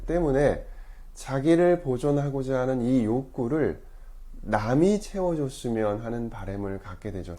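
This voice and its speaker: Mellow-voiced male priest teaching calmly. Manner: measured, often rephrasing and correcting himself mid-phrase; stresses key words with sudden rises in pitch and loudness. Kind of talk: explanatory teaching talk.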